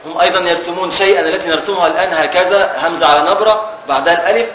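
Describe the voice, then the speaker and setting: An Egyptian man gives a religious lesson in a fairly high, bright voice. He reads the classical text, then unpacks it in everyday speech and repeats the main points. The room is echoey, with a faint hiss behind him. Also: steady tone, racing, dull audio. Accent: Egyptian Arabic. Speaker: religious teacher.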